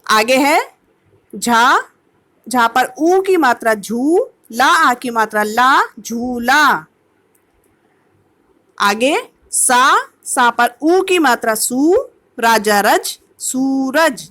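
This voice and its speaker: A woman's voice: high voice, expressive, drawn-out words, long pauses, fairly bright tone. A woman teacher giving an online kindergarten lesson, patiently sounding out words syllable by syllable. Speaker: primary school teacher.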